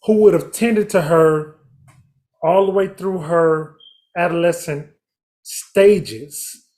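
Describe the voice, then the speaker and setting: A man's voice: fairly high pitch, slow pace, a little mellow. A man leading a casual Bible study discussion, reflective and interjecting with hallelujah.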